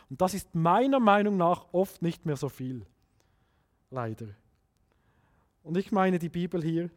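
Man, high voice, earnest sermon, emphatic, pausing often. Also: a little mellow. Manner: earnest, emphatic, frequent pauses. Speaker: preacher.

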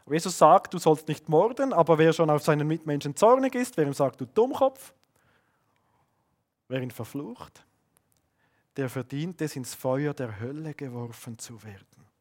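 An adult man, a father of young children, preaches a sermon, swinging between loud, emphatic bursts and hushed, slowed-down lines. His voice is a little high and animated.

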